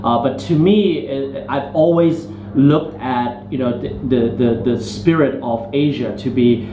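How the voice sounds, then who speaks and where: A little slow and warm, with a medium-pitched voice, this Hong Kong startup founder talks casually in an interview at an indoor venue as faint music plays behind him. His speech wanders through fillers and restarts, recorded in a roomy, muffled, noisy space.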